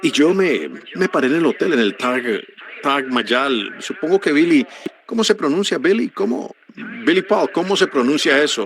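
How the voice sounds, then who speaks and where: A man preaching a sermon, earnest and animated, breaking into sudden high exclamations. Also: a little hiss or hum.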